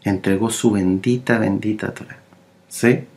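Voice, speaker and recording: A man preaching a sermon, speaking slowly and haltingly, with many fillers and repeated words. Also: on the low side, steady tone, darkish tone.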